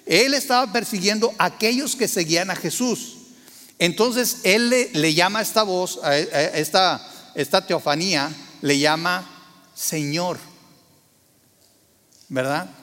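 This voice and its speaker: Man, pastor, sermon, quizzes the congregation, high-pitched, long hall reverb. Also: a little slow, a bit bright. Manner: asks the congregation questions, acts out quotes.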